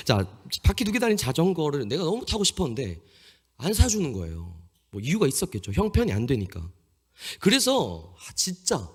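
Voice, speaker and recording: A man's voice: mid-range voice, husky. A man in his thirties preaching to a youth congregation, telling a story about himself with humor and self-mockery. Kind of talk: sermon with a personal story. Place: church sanctuary. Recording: long reverb in a church hall.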